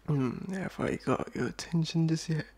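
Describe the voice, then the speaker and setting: A man's voice: fairly high pitch, normal speed, a little mellow, breathy edge. A man with an Indonesian accent doing a whispered role-play as a teasing boyfriend, swearing and laughing between lines. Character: playful boyfriend bothering his partner. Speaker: ASMR roleplay creator.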